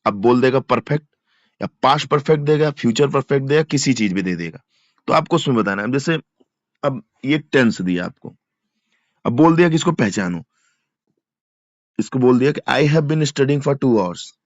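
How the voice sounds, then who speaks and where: A man giving an exam-prep grammar lesson. He explains patiently and repeats each example slowly, as if dictating. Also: mid-range voice, animated, dry recording. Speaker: English teacher. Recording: dull lo-fi sound, dry.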